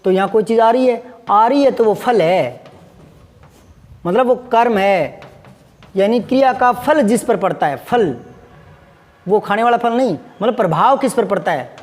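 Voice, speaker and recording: A man's voice: high voice, lively intonation, unhurried, long pauses, long reverb tail. A man teaching Hindi grammar, patiently repeating examples and asking his students questions. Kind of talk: classroom lesson.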